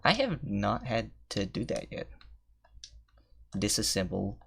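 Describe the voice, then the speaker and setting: A man's voice: lowish voice, wildly swooping pitch, slow pace, vocal fry, fairly bright tone, slight background noise. A young man talking casually to himself while playing a game, rambling and poking fun at his own skill. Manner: rambling, self-mocking, thinks aloud between attempts. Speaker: gamer streaming gameplay. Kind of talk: casual gameplay commentary.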